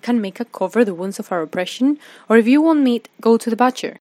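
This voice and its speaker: A woman giving scripted documentary narration, telling the story in a lively way with rhetorical questions to the listener. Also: on the high side, quick pace, dry recording.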